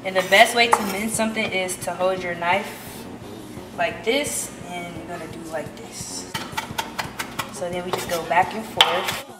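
A woman's voice: fairly low pitch, measured pace, very noisy. A woman chef giving a step-by-step cooking demonstration in a home kitchen. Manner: instructive, step-by-step. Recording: roomy distant camera audio with loud music. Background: loud background music.

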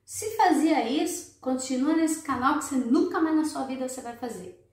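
A woman's voice: high voice, moderate pace, darkish tone, recorded from a distance. A Brazilian woman vlogger giving relationship advice to her viewers in an emphatic, scolding way. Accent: Brazilian Portuguese. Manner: emphatic, scolding, keeps addressing listeners as girls. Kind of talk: casual advice monologue to viewers. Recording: very echoey room, away from mic.

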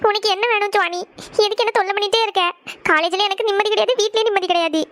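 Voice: very high-pitched, fairly even intonation, fast, vocal fry, sharp tone, heavily acted. A performer voicing a moody teenage college girl who snaps back at her younger sister. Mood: sulky. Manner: snappish, sulky replies.

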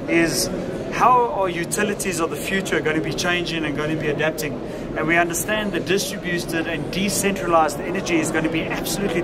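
Man, middle-aged, raised pitch, emphatic interviewer, wordy, loud background noise. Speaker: event interviewer. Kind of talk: formal on-camera interview. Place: indoor conference interview booth. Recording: loud trade show floor noise.

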